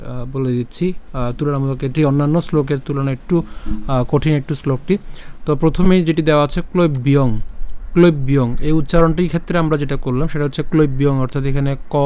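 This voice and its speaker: A man teaching how to pronounce a scripture verse, breaking words into syllables, repeating them and pausing with "ah" fillers. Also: a little high, smooth. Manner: chants verse words slowly and louder. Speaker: Gita recitation teacher. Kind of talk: slow pronunciation lesson.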